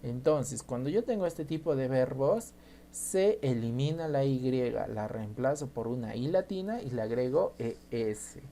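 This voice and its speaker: A man teaching an English grammar lesson, slowly spelling out and repeating each example. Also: mid-range voice, animated, warm tone, slight background noise.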